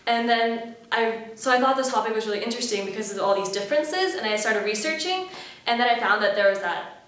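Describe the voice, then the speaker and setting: A woman's voice: on the high side, animated, a little fast, fairly bright tone. A woman in her twenties from Malaysia, chatting upbeat in an interview about leading a committee, with fillers and restarts. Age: 20s. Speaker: head chair interviewee. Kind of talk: casual interview answers. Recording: very echoey room, voice from a distance.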